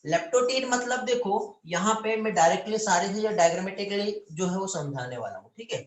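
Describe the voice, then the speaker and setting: A man's voice: high voice, expressive, a little fast, roomy sound. A man teaching biology in a live online lecture, calling students "beta" and often checking whether they understand.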